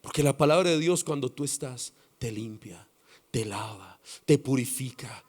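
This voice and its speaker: A man with a Colombian accent preaching a sermon as pastor, dramatic and swinging between loud passages and hushed ones. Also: mid-range voice, expressive, moderate pace, husky.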